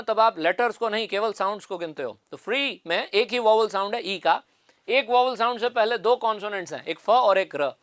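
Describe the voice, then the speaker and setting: A man's voice: high voice, fairly bright tone, no room sound, clean studio sound. A man teaching an exam-prep phonetics lesson, explaining step by step and repeating the key answers.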